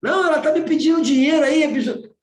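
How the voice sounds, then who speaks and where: A man acting out an irritated father who complains loudly about his daughter asking for money. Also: extremely high pitch, drawn-out words, echoey room, pitched above the performer's own voice, heavily acted. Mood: indignant. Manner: indignant, raised voice.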